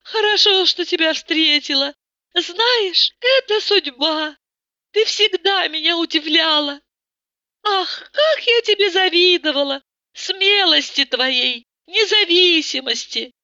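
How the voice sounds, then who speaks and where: A woman's voice: very high voice, animated, takes it slowly, pushed and bright, no room sound, voice pushed up, full character voice. Woman doing a whiny bored rich wife. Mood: gushing. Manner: plaintive, sighing, theatrical. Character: bored, tearful rich young wife, old schoolmate. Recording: dull, muffled audiobook sound.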